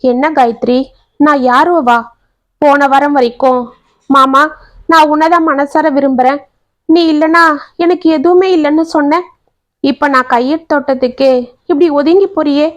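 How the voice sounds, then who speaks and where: A woman's voice: high-pitched, normal speed, fairly bright tone, no echo. A woman voicing a heartbroken young man pleading with the woman he loves. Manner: pleading, emotional.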